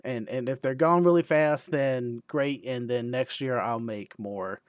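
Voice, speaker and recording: An easygoing man co-hosting a livestream who laughs readily and drops soft-spoken asides. He has an ordinary male pitch and is recorded close and dry. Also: unhurried, no room sound. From United States. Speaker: co-host of a ham radio livestream. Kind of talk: casual livestream chat.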